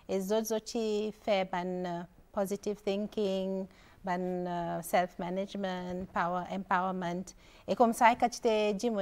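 An older woman with a fairly low, strongly gravelly voice speaks as a guest doctor in a television studio. She answers hesitantly, pausing to search for words, picked up on a lapel mic. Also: darkish tone. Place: TV studio, indoors.

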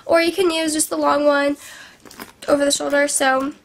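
Filming a casual chatty vlog in a small indoor bedroom, a young adult woman who is a beauty vlogger sounds sniffly and ill as she rambles cheerfully, peppering speech with "like." Her high voice stays level at a moderate pace, picked up by a camera at arm's length with a little hiss or hum.

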